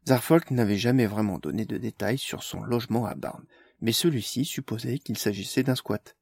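A male narrator reads a story aloud at an even, measured pace. His voice is gravelly and husky, and the recording is dry and close. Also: mid-range voice, dry recording. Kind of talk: audiobook narration.

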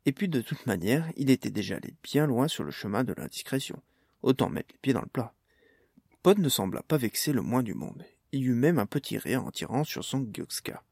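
A man narrating a story in a steady, measured reading voice. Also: medium pitch, creaky, breathy edge, no echo, clean studio sound.

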